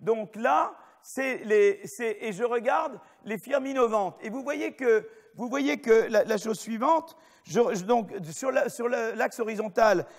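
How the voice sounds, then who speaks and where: A man's voice: very high-pitched, measured pace, creaky, big-room sound. A middle-aged man giving a spontaneous university lecture, digressive and full of restarts and asides, often checking in with his audience and making self-mocking jokes. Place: lecture hall.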